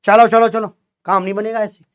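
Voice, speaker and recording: A man's voice: high voice, level tone, fairly quick, smooth. A male chemistry teacher lecturing a class, drilling students with call-and-response questions in a colloquial, teasing way.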